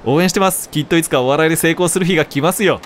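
A man voicing a shy, polite teenage girl idol who stammers softly, reading along while playing. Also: a little high, racing, slight background noise, lightly acted. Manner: soft, polite, hesitant stammer.

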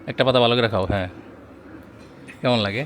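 A young man with a soft, coaxing way of talking, guiding a little one step by step. His voice sits at an ordinary pitch and is caught on a handheld phone outdoors on a rooftop garden, with faint noise behind him. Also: fairly quick. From Bangladesh. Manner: gentle, coaxing, patiently instructive. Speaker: father and gardening vlogger. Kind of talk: casual family vlog. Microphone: handheld phone camera.

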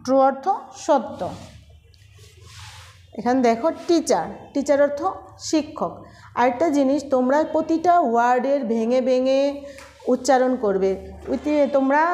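Woman teacher from Bangladesh, high voice, patient, explains word by word for young pupils. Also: darkish tone. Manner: slow, patient, spells words out letter by letter. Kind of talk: recorded online class lesson.

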